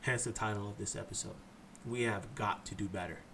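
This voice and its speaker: A man's voice: fairly low pitch, steady tone, brisk, vocal fry, a bit bright, slight background noise. Impassioned man from Haiti ranting. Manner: blunt, impassioned, profane. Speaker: podcast host. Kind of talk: solo podcast monologue.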